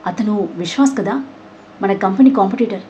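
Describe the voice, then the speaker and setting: A woman's voice: medium pitch, moderate pace, warm tone, a little hiss or hum, lightly acted. A woman voicing a young woman friend who talks lightly and teasingly.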